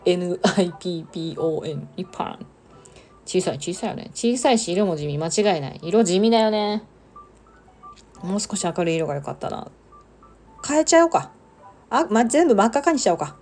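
A woman's voice: on the low side, lively intonation, brisk, long pauses, darkish tone. A young woman hosting a casual live stream, chatting with viewers and reading their comments aloud. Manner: chatty, reads viewer comments aloud, exclaims and laughs often.

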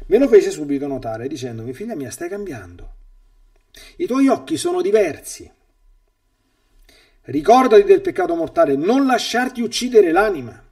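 The mic sits far from this priest, whose voice is warm and medium in pitch. Reading a testimony aloud, he comments on it emphatically as part of a catechesis sermon, and when improvising he often stammers and repeats himself.

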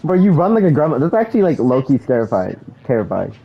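A man's voice: mid-range voice, fast talker, creaky, muffled recording. A young man hosting casual gameplay commentary, joking and swearing a lot. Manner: profane, joking, excitable. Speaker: gaming channel host.

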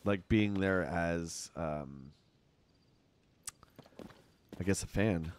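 A middle-aged man with a Canadian accent talks very slowly in a low voice, with a faint hiss or hum under the recording. He's live streaming a game from home, chatting aimlessly and answering his viewers.

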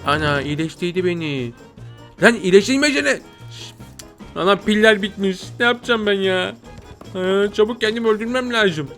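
A young man giving playful, excitable commentary while playing a video game, often jumping to high squeals. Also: normal speed, soft background music. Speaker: gameplay streamer.

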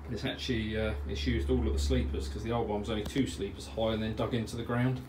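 A man's voice: on the low side, fairly even intonation, fast talker, roomy sound. A man casually talking viewers through his DIY build in a cramped garage room, rambling and matter-of-fact with lots of fillers. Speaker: DIY pond vlogger. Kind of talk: casual DIY walkthrough chat. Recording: distant mic with background noise.

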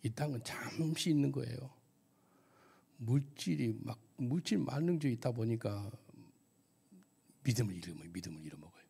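A man's voice: mid-range voice, lively intonation, normal speed, creaky, long pauses, mellow, husky. A missionary pastor giving a testimony sermon at a church service, telling his story vividly and asking the audience questions.

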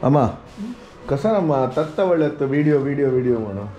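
Holding an action camera at arm's length, a vlogger in his forties talks through his day, first at home and later outside at night. His medium-pitched, dark voice is lively and brisk, peppered with laughter and English phrases, and the sound is lo-fi.

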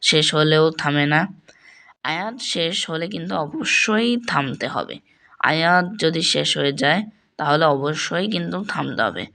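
A man's voice: a little high, creaky, pushed and bright. A man teaching how to correct common mistakes in reciting, speaking straight to his viewers and repeating each point several times. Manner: addresses viewers directly as "respected viewers". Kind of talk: tutorial on correcting pronunciation.

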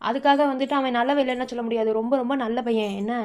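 A woman's voice: fairly high pitch, steady tone, very fast, darkish tone, natural voice. A woman voicing a bossy elder sister in a cartoon, persuading insistently with a Madurai accent. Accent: Madurai Tamil.

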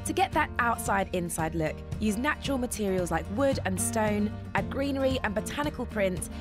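A woman's voice: medium pitch, lively intonation, normal speed, over music. British woman narrating renovation tips. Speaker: property show co-host. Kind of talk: scripted voice-over narration.

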